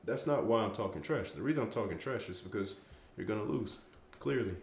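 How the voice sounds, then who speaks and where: A man's voice: lowish voice, expressive, fairly quick, roomy sound, a little hiss or hum. A tired young man chatting casually on a late-night stream, rambling and stumbling over his words, with self-mocking trash talk. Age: young adult. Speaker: streamer answering chat.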